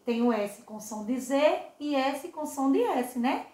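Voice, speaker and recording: A woman teaching a remote lesson to young children, slow and repetitive, often checking they follow, and affectionate with her pupils. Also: high voice, lively intonation, warm tone, roomy sound. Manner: slow, drawn-out, repeats words and asks "tá vendo?". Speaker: primary school teacher.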